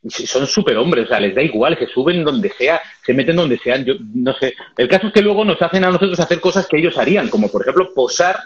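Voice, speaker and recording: A man with a Spanish accent hosting a live stream chat, joking and talking in quick bursts. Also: on the high side, animated. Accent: Spain Spanish. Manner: joking, rapid-fire talker. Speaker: host. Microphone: video call. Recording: muffled lo-fi live stream audio.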